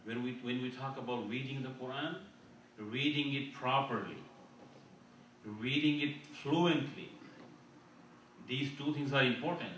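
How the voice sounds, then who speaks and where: At an Islamic conference, a man's fairly bright, mid-range voice carries a sermon through a very echoey mosque hall, far from the microphone, with a little hiss or hum. Earnest in manner, he restarts and repeats phrases and recites Arabic verses at speed.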